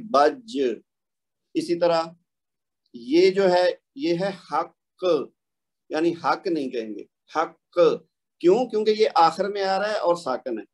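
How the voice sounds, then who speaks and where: A man with a slightly high voice teaches a recitation lesson. He explains each rule patiently, asks a question and answers it himself, and sounds out examples slowly. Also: a little mellow. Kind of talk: tajweed lesson, explaining and modeling pronunciation.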